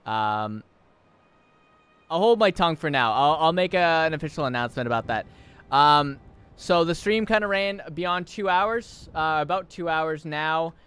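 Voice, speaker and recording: A male game streamer with a fairly high, smooth, clear voice. He chats casually to viewers, rambling and circling back on his words with amusement. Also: lively intonation, normal speed, fairly bright tone. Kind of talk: casual live-stream commentary.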